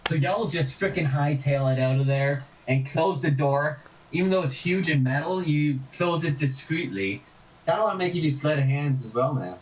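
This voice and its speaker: A man's voice: on the high side, moderate pace, reverberant, dull audio, a little hiss or hum. A man running a tabletop game as game master, describing scenes and building suspense. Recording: distant mic.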